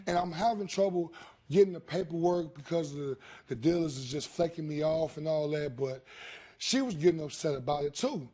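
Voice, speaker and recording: Complaining husky man with a higher-pitched voice. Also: normal speed, warm tone. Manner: complaining, pleading, repeating himself. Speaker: husband as litigant on a court show. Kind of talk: aggrieved personal testimony. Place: TV courtroom studio.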